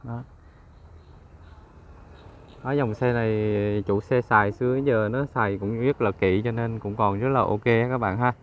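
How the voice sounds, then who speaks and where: A man's voice: mid-range voice, steady tone, normal speed, long pauses, narrow, tinny audio. A man with a Southern Vietnamese accent, a used car dealer giving a casual walkaround of a vehicle in a chatty, upbeat sales patter. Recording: engine noise and ambient clatter. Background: idling car engine.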